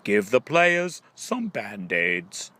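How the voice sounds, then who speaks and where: A man with a lowish, sharp-toned voice and big pitch swings reads a scripted book of riddles as an audiobook reader. He sets up each question, then stretches the punchline in question-and-answer fashion.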